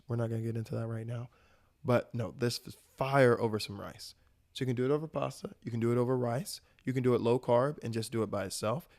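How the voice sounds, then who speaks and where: A man's voice: medium pitch, a little mellow. A young man from the American South hosting a casual solo podcast, talking about food with enthusiastic, rambling energy and casual swearing. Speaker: podcast host.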